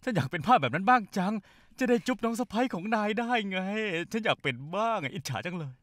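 A man's voice: high-pitched, sing-song, fast talker, fairly bright tone, dry recording. A man voicing a crude young man who jeers and mocks in a dubbed TV drama. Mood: jeering. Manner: jeering.

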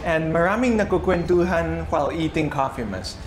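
A man's voice: a little high, normal speed, background noise. A young man, a shop owner, answering an interview indoors in an upbeat way, switching between Filipino and English. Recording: roomy sound with music under it.

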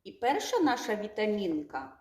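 A woman teaching a preschool literacy lesson, speaking slowly and in a sing-song way, drawing out words for small children. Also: medium pitch, very animated, a little mellow, echoey room. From Ukraine. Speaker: kindergarten teacher.

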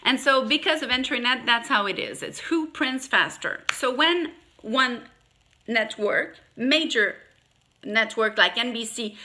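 A woman with a French accent, talking straight to her viewers with emphasis and many halting restarts, a little congested from allergies. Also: a little high, bright, forceful tone. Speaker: YouTuber. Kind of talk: direct-to-camera monologue.

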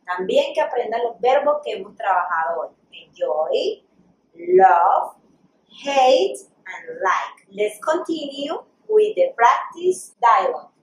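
A woman English teacher with a Colombian Spanish accent, giving a recorded home lesson and stretching out English phrases slowly so pupils can repeat them. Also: fairly high pitch, very animated, reverberant, far from the mic, slight background noise, low-quality recording. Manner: slow, drawn-out English drills for pupils to repeat.

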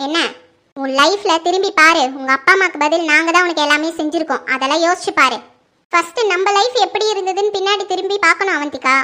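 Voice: very high-pitched, pushed and bright. A young performer voicing a stern mother-in-law. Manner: firm, scolding, questioning. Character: stern middle-aged mother-in-law, firm household head. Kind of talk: family drama skit.

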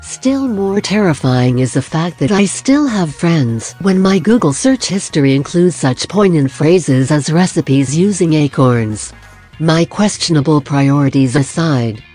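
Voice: mid-range voice, darkish tone, husky. Dry scripted art-video narrator. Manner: dry, self-deprecating humor.

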